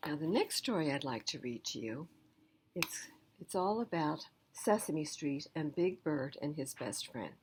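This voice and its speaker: A woman reads a picture book aloud at library storytime, emphatic and speaking directly to young children, breaking in with asides. Her low voice is expressive and a little slow. The audio is poor, with a slight hiss or hum.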